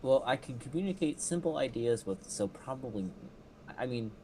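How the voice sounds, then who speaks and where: Man, tabletop player, lively pitch, jokey, faint room ambience. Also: moderate pace, a little hiss or hum. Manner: jokey, playful. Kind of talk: casual chat during a tabletop game.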